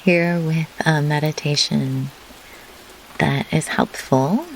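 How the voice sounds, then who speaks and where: A woman who works as a grief doula guides a slow meditation, speaking in measured, deliberate phrases broken by pauses. Her voice is low, and the low-quality recording carries a clear pink-noise hiss like steady rain behind her.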